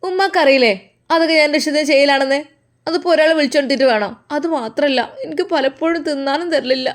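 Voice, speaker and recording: A tearful, accusing young wife from a storybook, as a woman puts her on, whining in a Malappuram Malayalam accent. Her voice sits high and soft, quick to protest. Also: natural voice. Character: young complaining daughter-in-law, woman.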